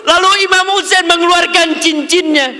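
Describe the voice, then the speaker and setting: High bright-voiced male preacher, echoey hall. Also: steady tone, moderate pace. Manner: fervent storytelling, emotional swells. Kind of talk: mourning sermon narration.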